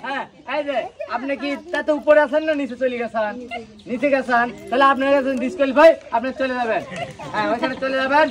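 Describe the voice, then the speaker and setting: A man's voice: extremely high pitch, steady tone, fast. A man hosting an outdoor game, energetically coaxing contestants and calling for applause. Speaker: game host. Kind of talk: lively game-show announcing. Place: outdoors in a public street setting. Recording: loud outdoor crowd noise.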